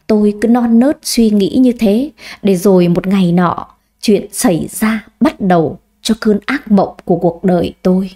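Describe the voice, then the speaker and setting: A woman reading a first-person story aloud in a measured, expressive way. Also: medium pitch. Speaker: audiobook narrator.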